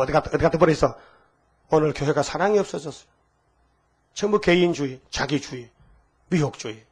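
An older man in his sixties preaching a sermon with a husky voice, emphatic and full of rhetorical questions to the congregation. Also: a little high. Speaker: pastor.

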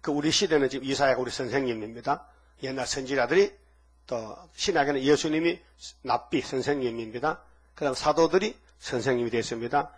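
A man's voice: mid-range voice, husky. An older man preaching a sermon in a folksy, conversational way, firing off rhetorical questions and acting out quoted lines. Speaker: pastor.

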